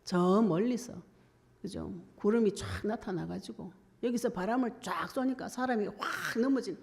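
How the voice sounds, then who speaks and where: A woman's voice: medium pitch, moderate pace, gravelly, darkish tone. A woman preacher, giving a colloquial sermon and acting out the voices she quotes.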